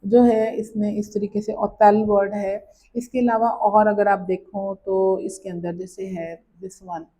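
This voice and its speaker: Slow, patient woman language teacher. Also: mid-range voice, level tone, warm tone, rough recording. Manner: patient and repetitive, restating each rule with frequent checks like "right?". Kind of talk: slow classroom-style explanation.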